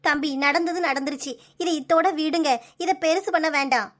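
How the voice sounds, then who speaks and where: A woman's voice: high voice, steady tone, fairly quick, heavy background noise, lightly acted. A woman voicing a firm cartoon mother with a Kanyakumari accent. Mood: placating. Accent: Kanyakumari Tamil. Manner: firm, placating. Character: protective middle-aged mother of the bride.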